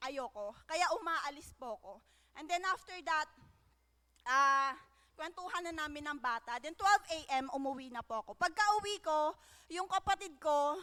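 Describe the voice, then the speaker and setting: A young woman with a very high, bright voice gives her personal testimony as a church member. She speaks haltingly, filling gaps with fillers and tag questions, as her words fade into the long reverb of a large hall.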